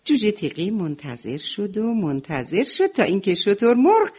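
Expressive woman telling a children's story. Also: mid-range voice, slightly rough. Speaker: storyteller as grandmother.

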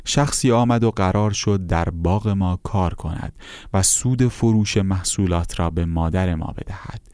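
A kindly older uncle speaking from beyond, calm and plainspoken, as a man reading the story puts him on. The voice sits very low and sounds dark and mellow. It is dry and close, with no room around it. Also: smooth, dry recording, lightly acted.

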